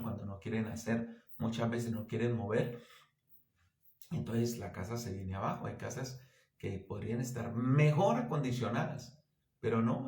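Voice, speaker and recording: A man preaching a sermon as pastor, earnest and exhorting, with lively anecdotes. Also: medium pitch, roomy sound. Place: church.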